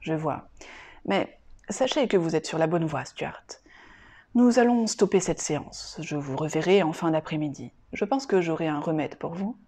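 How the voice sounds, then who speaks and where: A woman voicing a calm, probing male psychiatrist who questions his patient in a measured way, in an audiobook reading. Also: deep voice, husky. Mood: reassuring.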